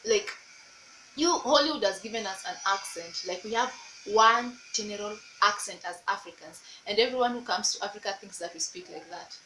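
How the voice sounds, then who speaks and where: This vlogger is a young Kenyan woman with a Luo accent, speaking to camera at a moderate pace in a mid-range, sharp-toned voice. The echoey room adds a little hiss or hum, and she playfully teases the viewer with repeated rhetorical calls.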